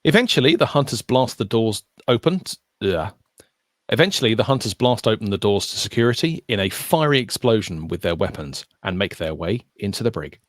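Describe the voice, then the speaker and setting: A low-voiced man hosts a podcast and reads through an episode recap. His pitch moves a lot, which makes the summary sound animated. The sound is close and dry, with no room behind it. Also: a little fast, no room sound. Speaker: podcast host. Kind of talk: reading an episode recap in casual chat. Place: recorded podcast session.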